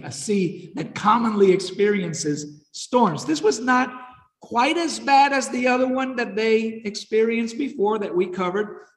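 In an echoey hall, a high-pitched man teaches a Bible lesson conversationally, often asking listeners questions and retelling the story with energy.

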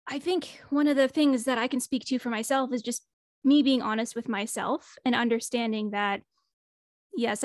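A woman's voice: fairly high pitch, no echo, studio quality. A woman talking as a podcast guest in a casual interview, reflective and earnest, her voice a bit worn as she is losing it. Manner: reflective, earnest, thinks aloud.

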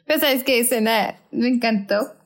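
Woman, young, casual podcast chat, animated, laughs often. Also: moderate pace. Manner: animated, laughs often, acts out her own reactions in high squeals. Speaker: podcast co-host.

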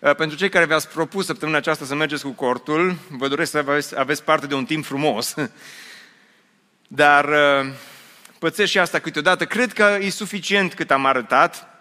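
A man's voice: on the high side, pushed and bright. A man preaching a sermon to his congregation, telling a story with humor and asking them questions. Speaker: pastor. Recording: long hall reverb.

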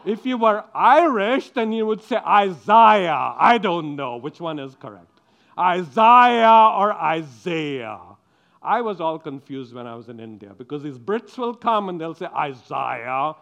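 A man's voice: fairly high pitch, sing-song, moderate pace, few pauses, fairly bright tone. A man giving a playful children's sermon as pastor, coaxing the kids and the congregation with questions.

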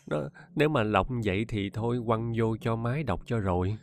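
A man's voice: medium pitch, expressive, normal speed. A man with a Southern Vietnamese accent, an audiobook narrator talking casually to his listeners, often laughing and addressing them directly. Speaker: audiobook narrator and podcast host.

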